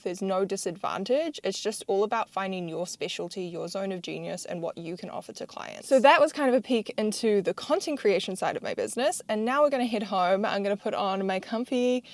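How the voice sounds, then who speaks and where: A young woman chatting candidly to camera in a casual vlog about her work, talking in a chatty, self-deprecating way into a clip-on mic. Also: medium pitch. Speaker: social media manager vlogger. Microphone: wireless clip-on mic.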